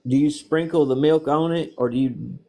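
A man's voice: a little high, moderate pace, gravelly, dark tone. A man with a Southern accent asking questions on the street, patient and probing, reaching for homely examples. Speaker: street interviewer. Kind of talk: casual questioning.

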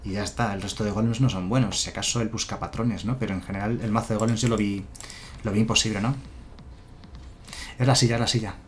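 A man's voice: fairly low pitch, steady tone, fast talker, slight background noise. A man with a Spanish accent from Spain, casually commenting a game on a live stream and answering his chat. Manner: chatty, answers chat, muses aloud. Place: home room with a chair.

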